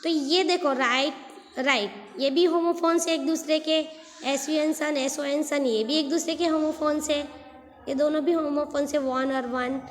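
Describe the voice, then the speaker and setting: A woman's voice: high voice, steady tone, normal speed, echoey room, long reverb tail. A woman teaching young pupils in a patient, repetitive way, spelling words out letter by letter. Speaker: school English teacher. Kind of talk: explaining homophones to young children.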